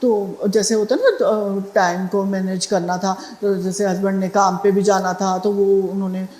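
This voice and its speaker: A woman's voice: medium pitch, steady tone, moderate pace, darkish tone, roomy sound. A middle-aged woman sharing a devotional testimony in a conversational way, with fillers and restarts. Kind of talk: spoken satsang testimony.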